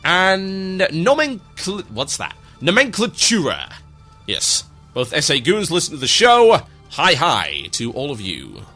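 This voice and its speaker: Taking his time, a man on an online radio show delivers listener shout-outs with deadpan sarcasm and mock grandeur while soft music plays beneath him. His fairly high, bright voice makes huge pitch swings.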